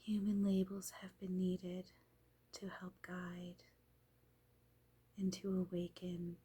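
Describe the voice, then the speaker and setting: A tender male spirit channeled by a woman seance medium in trance speaks in a hushed, breathy half-whisper. The phrases are slow and halting, with a low, mellow tone and loving reassurance. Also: flat delivery, full character voice. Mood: tender, reassuring.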